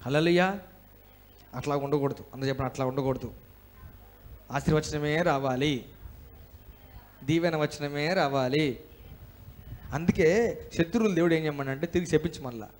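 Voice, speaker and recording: A male pastor from India preaches a sermon in church, speaking emphatically in a slightly high voice. He asks the congregation questions and has them repeat lines after him.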